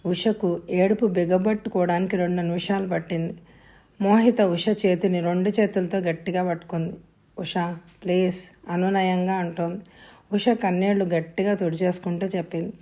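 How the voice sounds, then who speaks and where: Woman reading a novel out loud, soft mellow voice, acts out the talking parts. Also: fairly low pitch, fairly even intonation, normal speed. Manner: voices dialogue with rising emotion. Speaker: audio novel narrator. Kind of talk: storytelling narration with dialogue.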